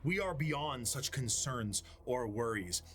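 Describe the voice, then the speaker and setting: A man voicing a seductive, boastful god of excess in a narrated video, making grand, slow proclamations. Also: mid-range voice, animated, a bit bright. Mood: tempting, grandiose.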